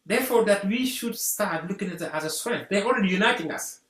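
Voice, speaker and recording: Talking fast at medium pitch, this Senegalese guest delivers an earnest, rallying community talk, voice swinging widely and rallying phrases repeated with animation. Roomy echo and background noise are audible.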